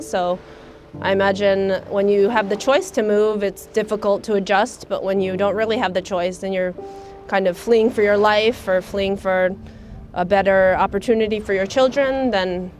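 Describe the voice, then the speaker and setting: A young American woman, speaking thoughtfully in a documentary interview, often pausing with "um" as she searches for words. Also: mid-range voice, steady tone, soft background music. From United States. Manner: thoughtful, soft-spoken, many hesitations with um. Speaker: volunteer.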